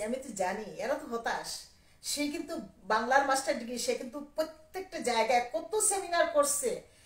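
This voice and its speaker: Give me a rambling woman poet from Sylhet, roomy and far off. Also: on the high side. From Sylhet, Bangladesh. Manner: rambling and animated, quotes others in dialogue. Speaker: poet and writer. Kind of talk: casual reminiscing monologue on a live video. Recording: echoey room, voice a little far from the mic.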